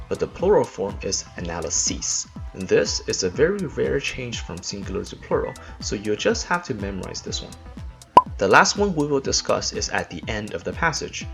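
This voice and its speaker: A man talks through pronunciation rules for an English test in a scripted lesson, dropping dry little jokes as he goes. His voice swings lively up and down with a gravelly fry at the edges. Soft music plays faintly underneath. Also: medium pitch. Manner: dry jokey asides while explaining pronunciation rules. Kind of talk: scripted instructional explanation.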